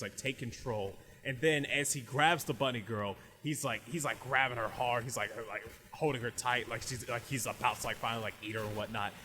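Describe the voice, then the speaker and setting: A man with a mid-range, fairly bright voice hosts a casual podcast reviewing anime. He rambles through a recap, saying "like" in nearly every phrase and often restarting.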